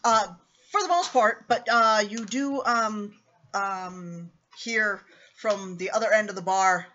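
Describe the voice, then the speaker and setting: A woman's voice: medium pitch, slow, pushed and bright. A woman narrating a tabletop vampire game as game master, laughing often and calling for rolls. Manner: laughs often, directs players to roll. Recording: muffled lo-fi stream audio.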